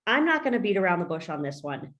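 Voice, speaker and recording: An upbeat woman hosts a business podcast, emphatic and direct. Her voice sits a little low and she talks with lively emphasis. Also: quick pace, lo-fi sound. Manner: upbeat, emphatic, says "y'all". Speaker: podcast host and business coach. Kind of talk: podcast interview.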